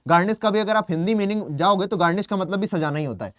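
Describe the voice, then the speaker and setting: A man's voice: sits high, rapid-fire, a bit bright, no echo, clean studio sound. A young man with a Hindi accent teaching an online English vocabulary class, chatty, calling students "beta" and asking and then answering his own questions. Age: young adult. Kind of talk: online exam-prep class.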